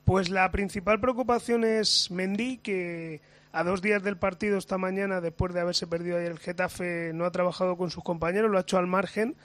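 Hoarse high-voiced male sports reporter. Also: fairly even intonation, fairly bright tone, no echo. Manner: brisk, factual news delivery. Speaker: club reporter.

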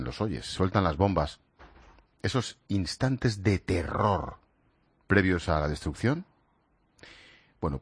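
A man hosting a radio show, talking straight to the listener in a conversational way. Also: low voice. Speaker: radio host.

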